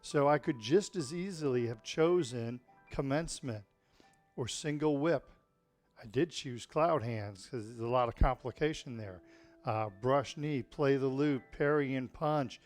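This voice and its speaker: A male tai chi instructor explains principles informally in a mid-pitched voice. He is encouraging and often checks that his students follow. Music plays behind his voice. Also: measured pace. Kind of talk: informal spoken class instruction.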